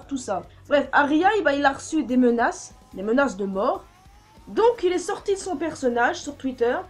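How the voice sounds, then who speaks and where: High-voiced woman, blunt vlog commentary. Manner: opinionated, blunt, with casual swearing. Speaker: YouTuber. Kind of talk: casual news commentary vlog.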